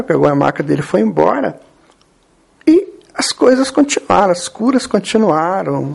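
A man's voice: on the high side, vocal fry, darkish tone, breathy edge. A man with a Brazilian accent hosting a radio program, telling a Bible story as a dramatic sermon and speaking straight to his listeners. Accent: Brazilian Portuguese. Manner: theatrical, addresses listeners directly, drawn-out pauses. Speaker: radio program host and preacher.

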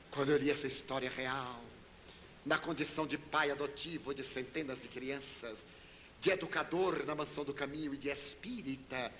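An older man, a spiritist speaker, giving a sermon-style talk and retelling a story dramatically, with sudden shifts in pitch and loudness. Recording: reverberant hall, faint hiss.

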